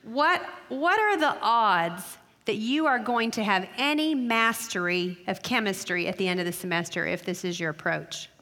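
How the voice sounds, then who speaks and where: A middle-aged woman giving an earnest, emphatic talk to college students, slowing down to stress key phrases. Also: mid-range voice, animated, bright, forceful tone. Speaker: speaker addressing college women. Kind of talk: sermon. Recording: long hall reverb.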